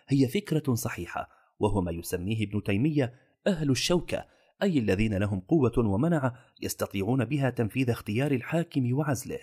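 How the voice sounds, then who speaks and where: A man reading a magazine article aloud in formal scripted narration, with a steady, even delivery. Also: mid-range voice, breathy edge.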